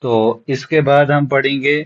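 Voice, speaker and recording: With a mid-range voice, fairly even intonation, and a measured pace, a shorthand teacher leads a beginners' classroom lesson on lo-fi audio. He patiently spells each word letter by letter and repeats it.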